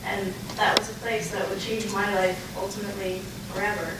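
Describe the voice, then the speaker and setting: A young adult woman giving an earnest, prepared acceptance speech as an award recipient, halting with pauses as she goes. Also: mid-range voice, level tone. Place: large echoey room, live event. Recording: echoey, noisy room, distant mic.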